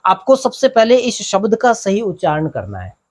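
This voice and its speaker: In a high voice full of huge pitch swings, at a moderate pace, a man with an Indian accent walks through an English grammar lesson at the blackboard, step by step, raising questions and answering them himself.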